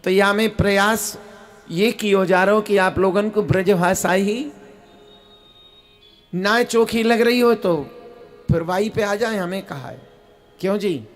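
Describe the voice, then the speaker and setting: Braj storyteller guy, high voice, slow sing-song sermon, chants verses, faint tabla under it. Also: soft background music. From Braj region, India. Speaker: devotional preacher and storyteller. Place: religious festival gathering.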